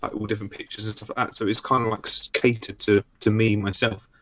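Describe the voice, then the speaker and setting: Guy on voice chat, low monotone, sounds kinda robotic, matter-of-fact. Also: fast, no room sound. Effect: robotic digital distortion from a voice-chat line. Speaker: stream guest. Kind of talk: casual call-in chat.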